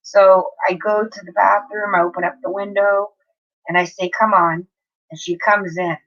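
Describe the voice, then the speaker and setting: A woman's voice: mid-range voice, flat delivery, normal speed, lo-fi sound. Chatty swearing woman. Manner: chatty storytelling, frequent swearing. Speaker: livestreamer. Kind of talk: casual livestream chat. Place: home, near an open window.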